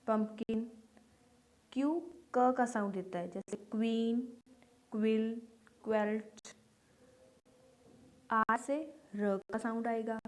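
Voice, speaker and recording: A woman's voice: a little high, darkish tone. A woman teaching English letter sounds, speaking patiently and repeating each example word. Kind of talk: slow phonics lesson for beginners.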